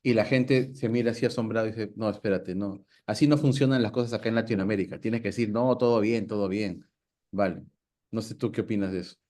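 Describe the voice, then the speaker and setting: Speaking fast in a lowish, slightly mellow voice, the host from Peru keeps the talk casual and conversational. He reflects on things, seeks his guest's opinion, and fills his speech with many fillers.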